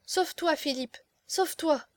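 Woman voicing a young noble mother, frightened, tearful, trembling, high voice, dry sound. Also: normal speed, a little mellow, no room sound, close to an everyday voice. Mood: urgent. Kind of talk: audiobook character voice.

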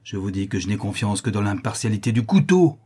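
A man's voice: mid-range voice, steady tone, moderate pace, dark tone, slightly rough, voice pushed up, close to an everyday voice. A man voicing a desperate, furious old craftsman father crying out in despair in a storybook reading. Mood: frantic.

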